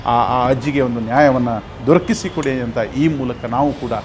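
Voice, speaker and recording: A man's voice: medium pitch, normal speed, noisy background. A man presenting a news report, speaking earnestly and appealing to viewers. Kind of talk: news commentary.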